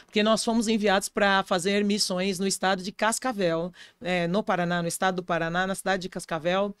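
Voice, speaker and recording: A woman's voice: mid-range voice, level tone, a little fast, clear, resonant tone, dry recording, clean studio sound. A woman pastor with a Brazilian accent, telling a personal testimony in an interview and acting out the voices of people in her story. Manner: vivid storyteller who acts out quoted voices. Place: podcast studio.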